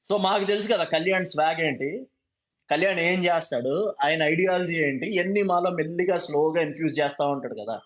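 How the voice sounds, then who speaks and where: A man giving a passionate, emphatic monologue as a fan commentator, dropping English phrases into his talk. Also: high voice.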